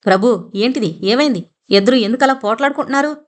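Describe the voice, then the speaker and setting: Flustered old father, fast anxious questions, read by a woman. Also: on the high side, natural voice. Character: worried older father, flustered.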